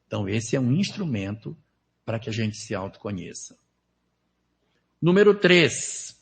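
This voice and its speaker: A man's voice: medium pitch, sing-song, normal speed, vocal fry. A man lecturing at a spiritist seminar in a conversational way, with rhetorical questions and numbered steps. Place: lecture hall at a spiritist center.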